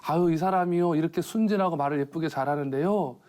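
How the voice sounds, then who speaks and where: A man's voice: on the high side, quick pace, very noisy, pitched above the performer's own voice, natural voice. A man voicing a sly middle-aged wife who sweetly needles her husband in a joke. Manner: mock-sweet, coaxing.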